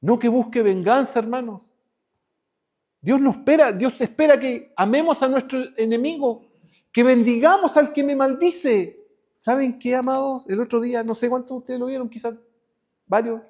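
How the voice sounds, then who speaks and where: A man preaching a sermon as pastor, moving between raised, emphatic lines and hushed ones. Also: very high voice, moderate pace.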